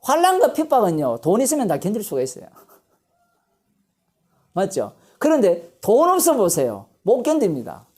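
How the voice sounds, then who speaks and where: A female pastor delivers a Bible lecture sermon with emphasis and animation, asking rhetorical questions and then answering them herself. Her voice sits at a medium pitch, moves at normal speed, and has a slight roughness.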